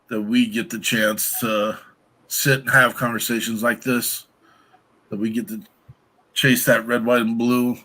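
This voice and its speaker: A man hosting a talk show, chatting reflectively and often pausing mid-sentence. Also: fairly low pitch, bright, forceful tone, low-quality recording. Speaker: show host.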